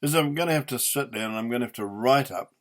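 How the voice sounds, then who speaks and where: A man's voice: medium pitch, fast. An older man in his eighties with a New Zealand accent, ranting off the cuff in an indignant, emphatic, sweary way, leaning hard on stressed words. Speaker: opinionated vlogger. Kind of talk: unscripted angry rant.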